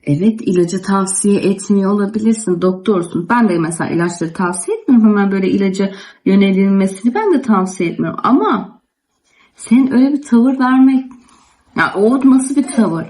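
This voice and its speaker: A young woman vlogger, casually telling a story to the camera in an animated, indignant way, acting out both sides of the conversation. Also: medium pitch, a little fast. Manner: animated, indignant retelling with many quoted asides. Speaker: home cooking vlogger.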